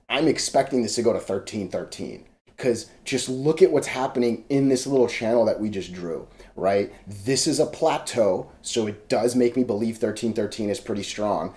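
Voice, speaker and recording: A man's voice: mid-range voice, normal speed, dark tone. A man casually talking through stock charts, rambling and restarting his sentences, with loose slang. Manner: rambling, self-interrupting, salty slang. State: hiccups. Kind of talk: casual screen-share chart commentary.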